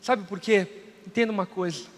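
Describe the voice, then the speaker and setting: High-voiced Brazilian preacher in a reverberant hall. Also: male voice, fairly even intonation, fairly quick. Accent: Brazilian Portuguese. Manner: storytelling preacher, acts out dialogue. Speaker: pastor. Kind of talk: sermon. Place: large church hall.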